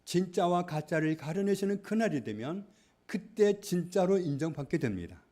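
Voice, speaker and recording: A male pastor preaching a sermon, stressing points loudly and then dropping to hushed asides. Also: high voice, animated, normal speed. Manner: emphatic, swings between loud stresses and hushed asides. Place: church.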